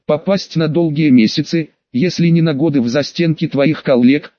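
A man's voice: on the high side, normal speed, mellow, no room sound, natural voice. A man voicing a stern, worried male settlement leader in an audiobook, firm and lecturing. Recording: dry, slightly dull lo-fi recording.

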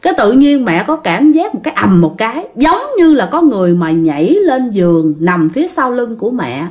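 A woman's voice: a little high, moderate pace. A woman with a Southern Vietnamese accent telling a ghost story in a casual way, talking straight to her listeners. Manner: animated, addresses listeners directly.

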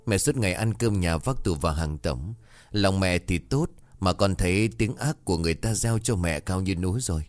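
A man's voice: low voice, animated, normal speed, no room sound. A man voicing a cheeky teenage daughter. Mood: teasing.

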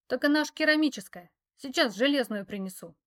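A woman reading the part of an eager young man, brisk and helpful, in an audiobook story. His lines come quick and keen. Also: sits high, lively intonation, pitched above the performer's own voice.

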